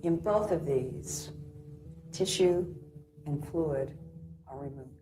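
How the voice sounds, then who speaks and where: Low-voiced woman on an old vhs doc, audio all gurgly and underwater, echoey, listing stuff slow and careful. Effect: muffled underwater-sounding audio from a bad stream. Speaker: researcher interviewed on tape. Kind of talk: documentary interview. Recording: echoey old VHS tape playback with faint hiss.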